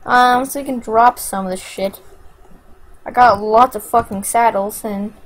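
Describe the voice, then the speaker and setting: Excitable, foul-mouthed woman gamer. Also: fairly high pitch, a little slow, poor audio. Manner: profane, excitable, thinking aloud. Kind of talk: let's play commentary.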